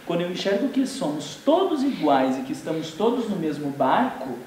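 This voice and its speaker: A man with a Brazilian accent giving a lively seminar talk as a spiritist lecturer, acting out everyday scenes. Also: high-pitched, moderate pace. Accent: Brazilian Portuguese. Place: indoor seminar room. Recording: very echoey room from far off, faint noise.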